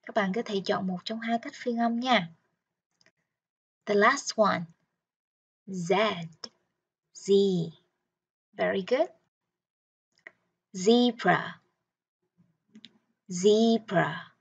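A woman teaching the alphabet to children. She pronounces each word slowly, repeats it, and praises the listener. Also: mid-range voice, creaky, husky. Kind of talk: slow pronunciation drill. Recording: dull lo-fi sound.

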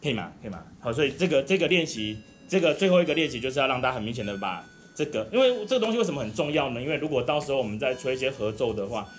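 A man's voice: medium pitch, a little hiss or hum. A man with a Taiwanese Mandarin accent teaching a group saxophone lesson, patient and encouraging, counting the class in. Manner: patient, counts in and sings demonstrations.

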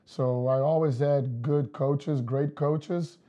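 A man, a soccer coach explaining his methods in an interview, measured with many fillers. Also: on the high side, steady tone, mellow. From Portugal. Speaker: girls' soccer coach, guest. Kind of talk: casual interview talk. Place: studio set with wood backdrop.

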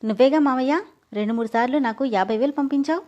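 A woman's voice: high voice, fast talker, darkish tone, muffled recording, lightly acted. A woman voicing an emotional young pregnant wife in a read-aloud story. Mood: earnest. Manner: pleading, tearful.

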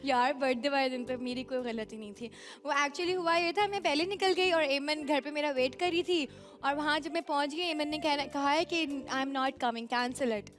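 A woman's voice: sits high, fairly even intonation, moderate pace, fairly bright tone. A woman guest on a talk show with a Pakistani Urdu accent, chatty and giggly, slipping into English. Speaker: actress guest. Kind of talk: casual talk show chat.

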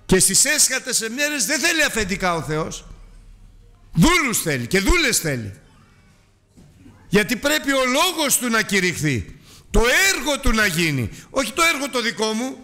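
A man's voice: high voice, sing-song, sharp tone. A man preaching a Sunday sermon, emphatic, asking rhetorical questions and drawing out key words.

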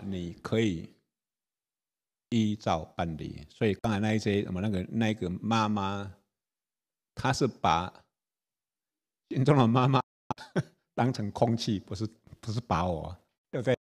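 A man's voice: lowish voice, a little slow, pauses often. A man, a Buddhist monk teacher, giving a dharma talk with anecdotes, chatty, laughing and checking whether the audience follows.

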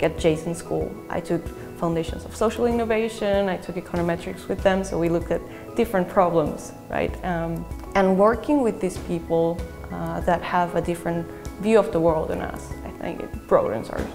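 Young woman, earnest, measured, lowish voice, faint music underneath. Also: fairly even intonation. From Peru. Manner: earnest, measured, with thoughtful pauses. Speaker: graduate student. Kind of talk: interview testimonial. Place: bright indoor university hallway with large windows. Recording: long reverb with faint music behind.

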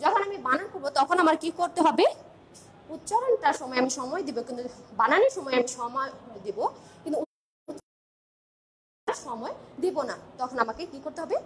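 A high-pitched woman with a Bangladeshi Bengali accent leads an online lesson for young pupils. She recites letters slowly in a drilling rhythm and asks questions between them, with a faint hiss of background noise under her voice. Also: expressive. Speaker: teacher.

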